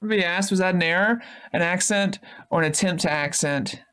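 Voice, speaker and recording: This Twitch streamer speaks quickly in a lowish voice that's fairly bright and clean. She's loosely chatting with her audience during a live stream, reading messages, giving thanks and swearing freely.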